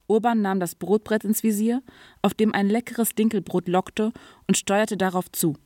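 A woman reading a story aloud in an even, clear storytelling manner, now and then lightly voicing the characters. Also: mid-range voice, moderate pace, no echo, studio quality. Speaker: narrator. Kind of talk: audiobook reading.

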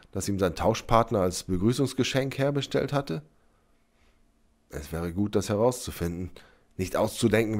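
A man narrating a story in a calm, even reading voice. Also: on the low side. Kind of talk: scripted narration.

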